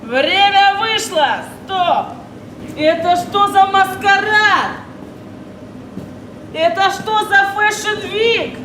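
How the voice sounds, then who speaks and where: Woman acting a high-pitched barking female drill sergeant. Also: very slow, pauses often, full character voice. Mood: mocking, scolding. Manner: barking, curt commands. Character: stern mocking female army drill sergeant barking orders. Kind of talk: shouted military commands in a staged TV segment. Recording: echoey, noisy location sound.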